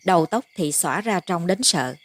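A woman reading a Vietnamese-language horror story aloud in a steady, measured narration. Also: lowish voice, no room sound.

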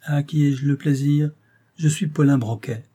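Man doing a courteous gentleman detective, measured, insinuating, mellow husky voice. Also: fairly high pitch, steady tone, pitched above the performer's own voice. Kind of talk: audiobook reading.

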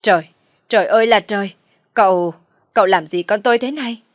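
Woman voicing a scheming mother, loud, theatrical wailing, storybook reading. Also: fairly low pitch, fairly even intonation, moderate pace, dry recording, studio quality, natural voice. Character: shrill scheming middle-aged mother, loud and dramatic.

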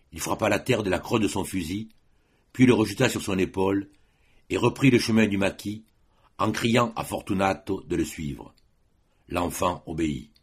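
A man reading a classic story aloud as an audiobook narrator, in a measured, dramatic way. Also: low-pitched, breathy edge. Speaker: audiobook reader.

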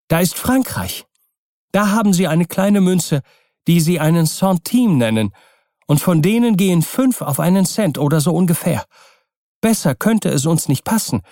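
A man's voice: on the high side, darkish tone, dry recording, clean studio sound, pitched above the performer's own voice, lightly acted. A man voicing a devoted, determined young wife in an audiobook reading, in a pleading, earnest manner.

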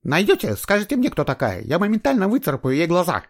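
A hoarse, quarrelsome woman under forty, as a male reader puts her on in an audiobook. Her voice is pushed far up and swings wide, shrill and scornful. She snaps back rudely at every question. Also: huge pitch swings, brisk, exaggerated voice.

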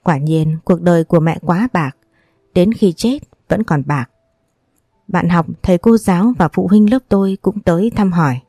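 Low, mellow woman narrating a story. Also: normal speed, no room sound, studio quality. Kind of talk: first-person audiobook narration.

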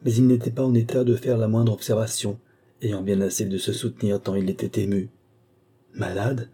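Man, audiobook narration, measured, husky voice. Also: fairly low pitch. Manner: measured, even literary reading. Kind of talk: scripted narration.

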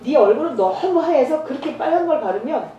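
A woman's voice: high-pitched, fairly quick, highs cut off. A middle-aged woman evangelist telling stories in a church training talk, acting out the dialogue. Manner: storytelling, acts out dialogue with lively voices. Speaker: evangelist preacher. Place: church hall. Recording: roomy church hall, far from mic, faint noise.

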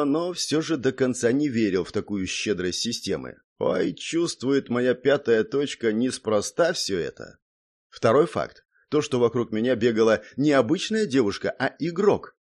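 A man narrating a first-person audiobook with an expressive reading. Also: medium pitch.

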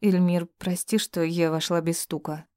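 A woman's voice: fairly low pitch, fairly even intonation, moderate pace, dark tone, no echo, clean studio sound, close to an everyday voice. A woman voicing a shy, nervous eighteen-year-old girl who speaks hesitantly, in an audiobook reading.

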